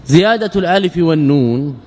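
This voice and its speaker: A man who is a scholar teaching Arabic grammar, reciting verse lines slowly and then asking rhetorical questions and answering them himself. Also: a little high, lively intonation, a little mellow, big-room sound, slight background noise. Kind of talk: lecture.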